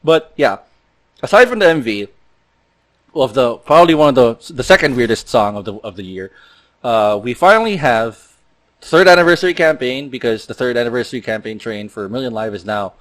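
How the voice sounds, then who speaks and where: A man's voice: mid-range voice, lively intonation, brisk, a bit bright. Rambling man hosting a podcast. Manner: rambling, loose delivery with many fillers and restarts. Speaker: podcast host. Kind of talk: casual podcast chat.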